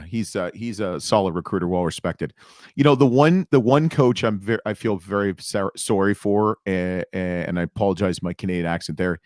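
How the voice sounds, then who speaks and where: Lively, rambling man in podcast chat. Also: fairly low pitch, dry recording, studio quality. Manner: lively, rambling, corrects himself as he goes. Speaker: podcast co-host. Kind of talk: casual sports podcast chat.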